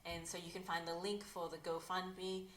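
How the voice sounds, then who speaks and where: Low-voiced woman reporter in a roomy space. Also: level tone, moderate pace, a bit bright. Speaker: news reporter. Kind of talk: news interview questions. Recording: roomy with faint background noise.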